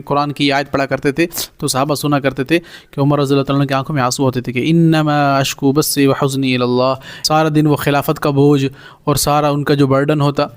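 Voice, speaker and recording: A man who teaches a recorded Quranic Arabic class. His voice sits a little above the usual male range. He draws out each Arabic phrase slowly, then explains it in plain, everyday words. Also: on the high side. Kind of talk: recorded language lesson.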